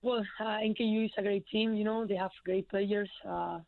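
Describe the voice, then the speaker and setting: With a medium-pitched, steady voice, vocal fry, and a moderate pace, this young adult Spanish woman speaks with a Spanish accent and no room sound. She's a college basketball player on a phone-in radio interview, answering hesitantly with many fillers through a tinny phone line.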